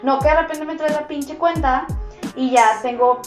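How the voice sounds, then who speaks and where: This young Mexican woman talks in a high, bright register and keeps her story moving with rough slang and swearing. She is recorded in an echoey room, with music running underneath her voice. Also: moderate pace. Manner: animated, slangy, profane storytelling. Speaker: podcast co-host telling a story. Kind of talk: casual chat. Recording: roomy sound with music underneath.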